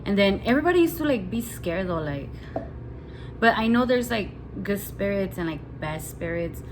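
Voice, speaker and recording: A young woman recounting a story to her camera in a rambling, spooked way, leaning on "like" constantly. Her pitch sits right in the middle of the usual range. Steady noise from construction work outside runs under her voice. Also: moderate pace. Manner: rambling, nervous, heavy use of "like" as filler. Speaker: vlogger. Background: building-washing noise outside.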